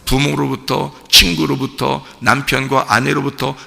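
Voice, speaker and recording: A male pastor preaching a sermon, dropping to hushed low talk and then shouting for emphasis while asking the congregation questions. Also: flat delivery, a little slow, creaky, long reverb tail.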